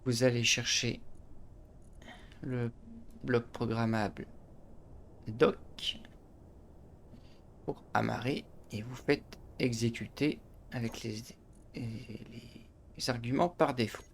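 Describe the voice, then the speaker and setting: A man's voice: mid-range voice, fairly even intonation, takes it slowly, pauses often, a little hiss or hum. A man hosting a gaming channel, explaining a space game step by step with frequent restarts and little interjections. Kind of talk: game tutorial commentary.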